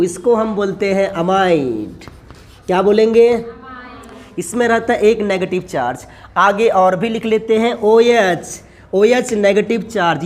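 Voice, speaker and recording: A male chemistry teacher lecturing while he writes on a board. He keeps asking the class questions and answering them himself, and talks to his students in a familiar way, calling them son and brother. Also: high voice.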